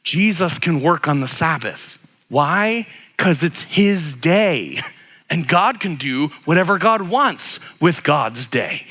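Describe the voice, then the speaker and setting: A man preaching a conversational sermon, animated and acting out the voices he quotes. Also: fairly high pitch, takes it slowly. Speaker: pastor.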